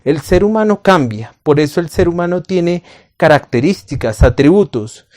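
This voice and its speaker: A man teaching a Bible lesson to camera, patient, calling the listener his friend and asking rhetorical questions, slowing on key phrases. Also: high voice, a little mellow.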